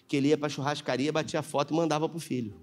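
A man with a Brazilian Portuguese accent, a pastor preaching a live sermon in church, animated and acting out dialogue in voices. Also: a little high, fast talker. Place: church sanctuary.

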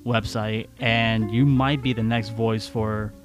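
A man's voice: lowish voice, fairly even intonation, slow, soft background music. A man co-hosting a casual podcast, rambling with many fillers and restarts. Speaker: podcast co-host.

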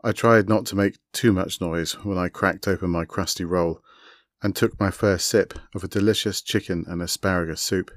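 A man narrating his own short story in a measured, even storytelling manner. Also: deep voice, no room sound, studio quality. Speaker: author reading his story.

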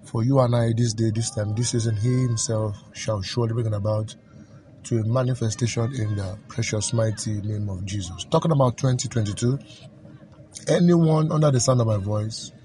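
A man's voice: lowish voice, normal speed, dark tone. A man leading fervent prayer, declaring and commanding in rhythmic, repeated phrases. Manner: rhythmic repetition, commanding, emphatic.

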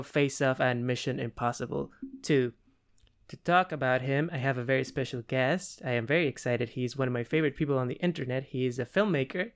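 Clear-voiced enthusiastic male podcast host. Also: mid-range voice. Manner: enthusiastic, scripted intros. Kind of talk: podcast interview.

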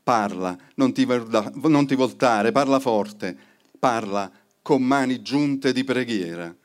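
A man's voice: mid-range voice, takes it slowly. A man reciting a poem at a live event with an incantatory, repeated refrain. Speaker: poetry reader. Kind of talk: poetry recitation with chorus. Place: event hall.

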